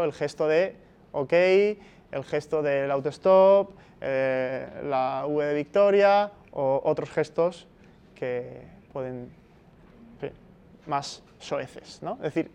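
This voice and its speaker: A man's voice: a little high, slow, darkish tone, smooth, highs cut off. A man from Spain giving a university lecture, explaining step by step and checking in with frequent tag questions. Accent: Spanish from Spain.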